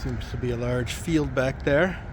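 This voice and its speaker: Man, medium pitch, casual walking vlog narration, easygoing, conversational, outdoor traffic noise. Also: unhurried. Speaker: walking tour guide.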